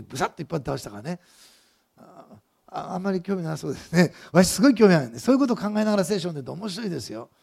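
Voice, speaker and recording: A man's voice: fairly high pitch, vocal fry, mellow, breathy edge. A male pastor preaching a sermon, telling the story vividly and asking the congregation questions as he goes.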